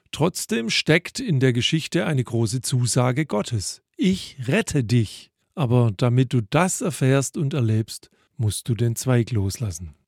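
A man giving a thoughtful devotional reflection, speaking in a measured way. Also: medium pitch, dry recording, studio quality. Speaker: preacher.

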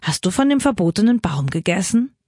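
A woman's voice: medium pitch, big pitch swings, a little fast, warm tone, no room sound, clean studio sound. A woman reading the words of a stern God passing judgment, in a solemn, grave manner.

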